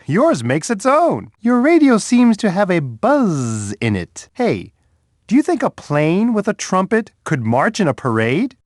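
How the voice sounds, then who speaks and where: A man voicing a big, gentle, cheerful male bear in a children's game, talking warmly and encouragingly to a young player. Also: high voice, no room sound, studio quality, heavily acted. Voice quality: warm, soft, sing-song delivery with chuckles. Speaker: voice actor for a children's game character. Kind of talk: scripted game voice clips. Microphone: dry studio booth.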